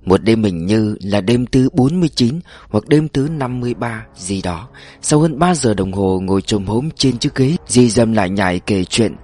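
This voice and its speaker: A man narrating a story in a measured audiobook style, slowing down for emphasis. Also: on the low side, animated, a little mellow, no room sound.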